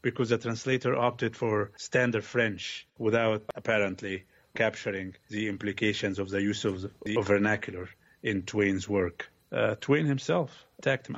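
A man, a translation scholar, talking in a conversational interview, lively and opinionated with quick asides. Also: fairly low pitch, lo-fi sound.

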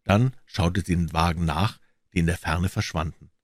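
A man narrating an audiobook in an expressive, lively reading style. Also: sits low, moderate pace, dry recording, clean studio sound. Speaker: audiobook reader.

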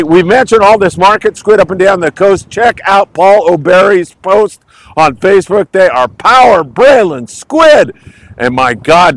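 Upbeat American man hosting outdoors, higher-pitched. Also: fairly bright tone, rough recording. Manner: upbeat, folksy show host, exclamatory. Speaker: host of a fishing news vlog. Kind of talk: casual fishing report to camera. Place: outdoors on a windy beach.

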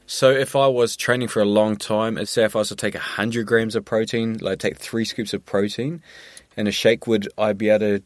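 A man's voice: on the low side, fairly even intonation, a little fast, no room sound. A man chatting casually on a podcast in an informal, matey way.

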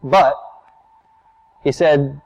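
A man's voice: fairly high pitch, drawn-out words, vocal fry, rough recording. A man preaching a sermon as a pastor, telling stories in a conversational, emphatic way.

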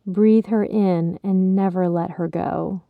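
A woman voicing a nervous young man in love who quietly reassures himself in a storybook reading. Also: on the low side, fairly even intonation, slow, no room sound. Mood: anxious, tender. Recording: slightly dull recording.

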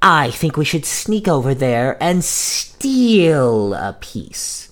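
A man's voice: on the high side, big pitch swings, slow, pitched above the performer's own voice. A man voicing Coyote, a sly male trickster, in a wheedling, scheming tone. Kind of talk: storytelling with character voices.

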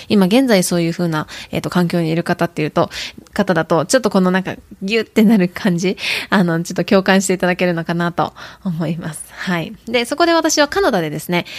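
A woman's voice: on the low side, dry recording. A young adult woman hosting a podcast in a friendly, chatty way, with many fillers. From Japan. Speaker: podcast host. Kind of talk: casual podcast monologue.

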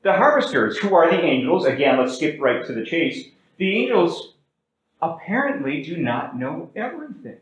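A man preaching a sermon as pastor, with big swings in pitch and volume and slow, drawn-out words for emphasis. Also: big pitch swings, very echoey, poor audio. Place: church sanctuary.

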